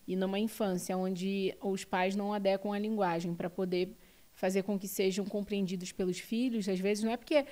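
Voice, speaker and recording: A woman's voice: medium pitch, steady tone, moderate pace, warm tone. A woman with a Brazilian accent hosting a podcast interview, engaged and affirming. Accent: Brazilian Portuguese. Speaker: podcast host.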